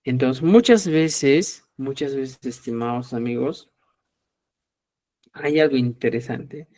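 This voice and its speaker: Speaking at a medium pitch and taking his time, a middle-aged man teaches Quechua in a live online session. He acts out both roles in brief example dialogues, lifting his voice for questions. Chatty and lively, he repeatedly checks on his viewers and addresses them as dear friends.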